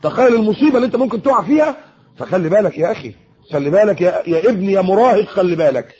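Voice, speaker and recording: A man's voice: sits high, expressive, rapid-fire, a little mellow, husky, muffled recording. A man with an Egyptian accent giving an earnest religious talk to teenagers, warning and repeating himself. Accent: Egyptian Arabic. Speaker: preacher.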